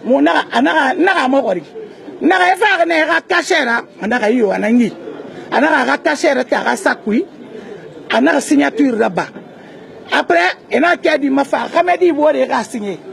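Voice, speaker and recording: Woman, very high creaky voice, halting bilingual account, faint crowd behind. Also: lively intonation. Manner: halting, switches between two languages.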